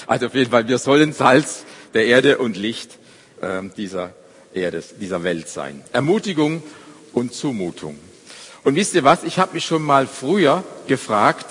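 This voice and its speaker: A man preaching a sermon at a church service, stressing his words one by one and often dropping to a quiet close. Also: mid-range voice, slightly rough. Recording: long hall reverb.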